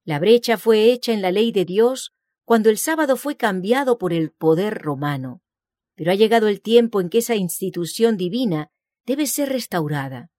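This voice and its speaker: A woman giving a measured, solemn scripted narration of a religious book, reading out scripture citations. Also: medium pitch, animated, a little mellow, dry recording, clean studio sound.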